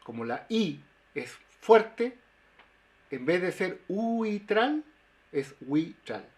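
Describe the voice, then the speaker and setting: Halting linguist explaining sounds. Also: male voice, on the high side, sing-song. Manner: halting, many fillers and restarts. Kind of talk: webinar explanation. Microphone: video call.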